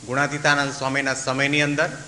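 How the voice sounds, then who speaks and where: Fast and monotone, with a sharp tone at medium pitch, this swami delivers a religious discourse built around a story whose characters he voices himself. Sung verses interrupt the telling. It's captured in an echoey hall with faint hiss.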